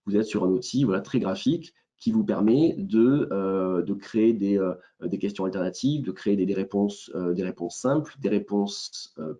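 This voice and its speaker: Presenting a software demo in a webinar, a man with a southern French accent speaks hesitantly, with many fillers and restarts. His voice is lowish and the sound lo-fi.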